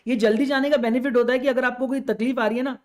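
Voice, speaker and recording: A man's voice: very high voice, fairly even intonation, fast. A young man teaching an online exam-prep lecture, giving direct, fatherly advice to students and switching between Hindi and English. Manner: mixes Hindi and English, calls students "beta".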